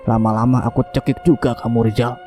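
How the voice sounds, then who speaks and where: A cruel, smug middle-aged villain in a horror audio story, mocking and chuckling, as a man plays him. The voice is dark and mellow with faint music in the background. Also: mid-range voice, level tone, fast talker, natural voice.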